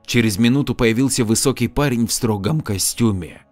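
A man reading an audiobook in measured, even scripted narration. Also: medium pitch, dry recording, faint music behind.

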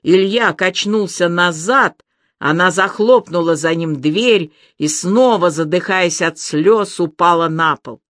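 Slow, measured audiobook reader. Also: medium pitch, a bit bright, no echo, studio quality. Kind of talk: audiobook narration.

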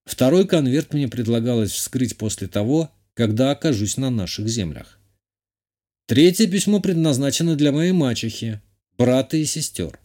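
Male audiobook reader, measured, even, mid-pitched, warm dark tone. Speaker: audiobook narrator. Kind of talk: scripted first-person narration.

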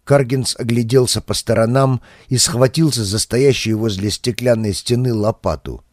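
A man narrating an audiobook in a steady, expressive voice, close to the mic. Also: mid-range voice, moderate pace, no room sound. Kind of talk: scripted narration.

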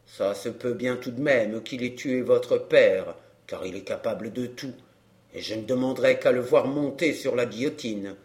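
A man doing a middle-aged fairground clown down on his luck, grumbling in rough street slang. He sounds bitter and close to tears, in a plain mid-range voice, as in a read-aloud novel. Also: medium pitch, a little mellow, natural voice. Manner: coarse popular slang, grumbling. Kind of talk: audiobook character reading.

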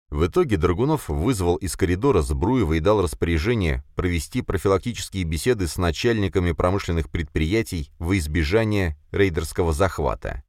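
A male narrator tells a fantasy story in the first person with expressive delivery. His voice is very deep yet lively in its melody. The recording is dry and close. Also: no echo. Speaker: audiobook narrator. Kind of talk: scripted audiobook narration.

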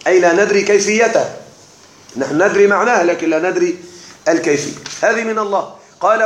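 Slow, deliberate male teacher, high-pitched. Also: a bit bright. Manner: slow and deliberate, often checks the class is following. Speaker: teacher explaining a classical text. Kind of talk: slow classroom lesson. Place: classroom. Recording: echoey room.

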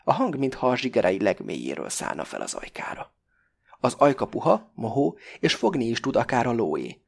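A man narrating an audiobook in a measured, expressive reading style. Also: mid-range voice, gravelly. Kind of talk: scripted narration.

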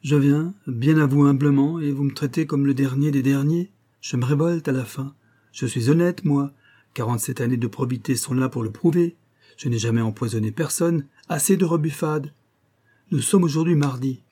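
A man's voice: mid-range voice, moderate pace, mellow, lightly acted. A man voicing an old male blackmailer who whines with false humility and sly mockery, in a read-aloud novel. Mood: indignant. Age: older. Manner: wheedling, falsely humble, mocking.

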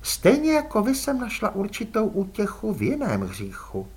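An elegant female vampire with a cool, drawling, aristocratic manner, as a male audiobook narrator puts her on. The voice rides high and swoops all over, with a husky grain underneath. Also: wildly swooping pitch, a little mellow, full character voice. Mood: cool, poised. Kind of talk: audiobook character voice.

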